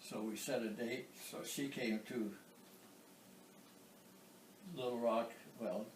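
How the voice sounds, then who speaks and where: Slow, halting elderly American veteran remembering. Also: male voice, mid-range voice, fairly even intonation. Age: 90s. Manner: old veteran remembering, halting with pauses and throat clearing. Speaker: war veteran being interviewed. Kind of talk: oral history interview, recounting memories. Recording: roomy, distant microphone, some background noise.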